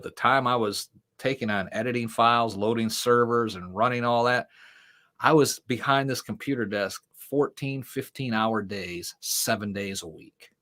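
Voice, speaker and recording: With a sharp tone and a voice on the low side, a middle-aged ministry founder spins long, rambling stories as an interview guest. His casual talk is packed with fillers, and he laughs now and then.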